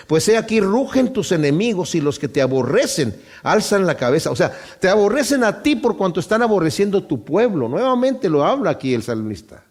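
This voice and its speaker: Man preaching a bible study, kinda high voice, emphatic, reads scripture slow. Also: darkish tone. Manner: addresses the congregation directly.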